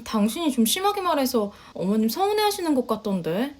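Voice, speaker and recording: A woman as a soft-spoken young wife. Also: high voice, big pitch swings, fast talker. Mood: gentle. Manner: polite, quiet, hesitant. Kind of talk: storytelling voice acting.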